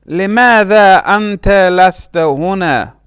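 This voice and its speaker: A man leads a language lesson at a very slow, deliberate pace, repeating each word with care. His voice sits high and sounds smooth and clear. The recording is dry and close. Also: a bit bright, no echo. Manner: slow, careful pronunciation with repeated words. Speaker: language teacher.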